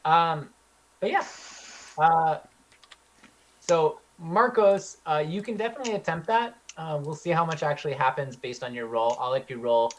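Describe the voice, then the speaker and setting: A man's voice: fairly high pitch, moderate pace. A young Californian man running a tabletop game as dungeon master, loose and hesitant with plenty of ums and uhs. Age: young adult.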